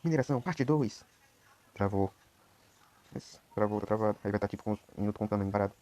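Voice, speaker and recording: A young Brazilian man giving quiet, rambling commentary while he plays a game. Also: fairly low pitch, fast talker. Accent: Brazilian Portuguese. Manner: talks quietly at night, rambling. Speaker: gameplay streamer. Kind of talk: casual gameplay commentary.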